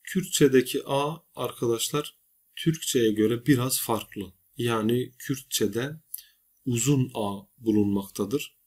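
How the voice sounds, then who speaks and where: A male teacher giving a recorded grammar lesson, patiently explaining and slowly repeating example words. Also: mid-range voice, a little mellow, breathy edge. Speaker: language teacher.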